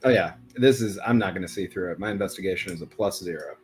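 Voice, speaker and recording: A man's voice: deep voice, fast, faint music behind. A man playing a tabletop role-playing game, narrating his character's actions in a casual way.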